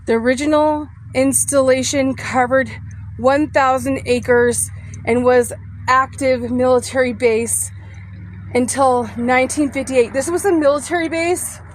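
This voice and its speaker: A woman's voice: sits high, steady tone, a little slow, a little hiss or hum. A woman out of breath, chatting to viewers as she reads a sign aloud, recording outdoors at a cemetery. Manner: chatty, addresses viewers directly. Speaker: paranormal vlogger. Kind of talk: casual vlog, reading a sign aloud.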